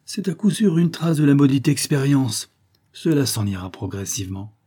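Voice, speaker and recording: A man reading an audiobook, voicing a fussy, excitable middle-aged male physicist who exclaims in a raised, higher voice. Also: moderate pace, slightly rough. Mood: blustering.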